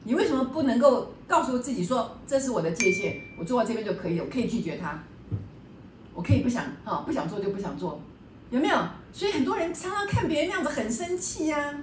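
A woman's voice: on the high side, lively intonation, fast, recorded from a distance, background noise. A woman teacher leading a book study class, lecturing in a chatty way and often checking in with the class through rhetorical questions. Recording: echoey room, voice a bit off-mic.

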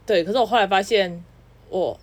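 A young woman, co-hosting a casual podcast chat and telling stories with a chatty, laughing manner. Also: mid-range voice. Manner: quick, chatty storytelling with frequent laughs. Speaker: podcast co-host.

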